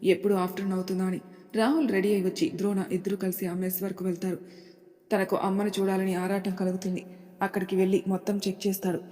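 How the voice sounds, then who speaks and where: A woman storyteller narrates a scripted tale in a steady, plain voice. Her pitch sits at an ordinary middle level. A long reverb rings after her words, as in a large hall. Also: fast.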